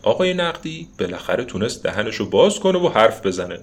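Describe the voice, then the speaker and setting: A man's voice: fairly low pitch, very animated, breathy edge. A man narrating a children's story expressively, with asides to the listeners.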